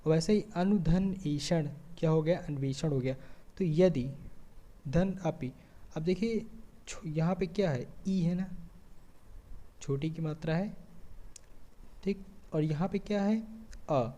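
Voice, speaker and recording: Mellow-voiced man teaching grammar. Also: on the high side, takes it slowly, long pauses. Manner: explains step by step, often asks and answers his own questions; frequent checking fillers. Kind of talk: board-style grammar lesson.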